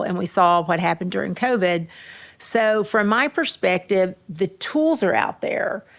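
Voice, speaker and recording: Female exec panelist, low voice with gravel, confident delivery. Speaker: panel guest, executive. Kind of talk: panel discussion.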